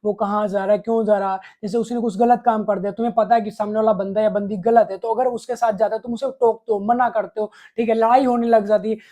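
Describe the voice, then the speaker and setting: A man's voice: sits high, flat delivery, fast, few pauses, warm tone. Blunt, crude-talking man giving advice. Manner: blunt, crude and scolding, with heavy swearing. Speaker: relationship advice vlogger. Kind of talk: advice monologue to the viewer.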